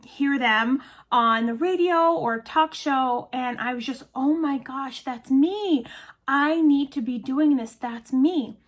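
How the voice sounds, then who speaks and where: A woman's voice: sits high, fairly bright tone. A woman in her late thirties, a medium and channel host, talking earnestly and chattily straight to her viewers. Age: 30s. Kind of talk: casual talk to camera.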